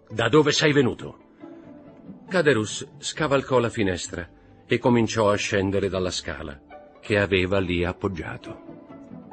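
A man narrating a dramatic novel in a measured, expressive storytelling manner. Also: on the low side.

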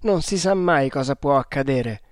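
A man's voice: medium pitch, expressive, normal speed, no echo, clean studio sound, lightly acted. A man reading aloud voicing a bold Maratha man giving urgent, commanding orders in a storybook.

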